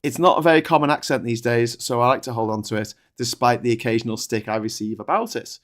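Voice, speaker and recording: A man with a soft Scouse accent hosting a talk show, chatting casually in a blunt, colloquial and opinionated way. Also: mid-range voice, fast talker. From Liverpool, England. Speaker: live-stream talk show host. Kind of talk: casual chat.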